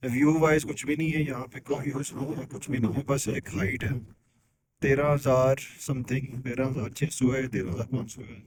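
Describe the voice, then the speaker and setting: A man's voice: mid-range voice, steady tone, moderate pace, noisy background. A man chatting informally to a camera outdoors on a mountain pass, repeating phrases for emphasis. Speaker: travel companion. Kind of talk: casual outdoor chat to camera.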